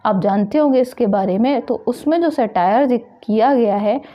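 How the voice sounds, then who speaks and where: A woman teaching a literature lesson, reading English definitions slowly and explaining them, asking questions and answering them herself. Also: a little high, lo-fi sound. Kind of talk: exam-prep lesson.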